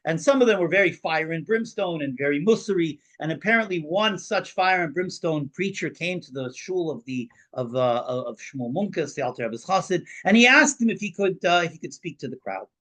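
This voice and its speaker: A male rabbi teaching a class in an animated storytelling voice, his pitch sitting fairly high. He often restarts and repeats words as he works toward his point. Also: a little fast, hardly any pauses, low-quality recording.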